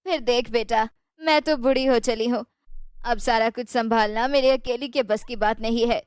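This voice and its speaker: Cartoon story: tired, gentle old mother-in-law, pleading tone, dry close sound, put on by a woman narrator. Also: on the high side, steady tone, normal speed, clean tone, dry recording, lightly acted. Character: weary elderly mother-in-law, gentle and sad.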